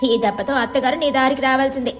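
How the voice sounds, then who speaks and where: A woman's voice: high-pitched, steady tone, quick pace, faint music behind, lightly acted. A woman voicing a bossy, sly village neighbor woman giving scheming advice.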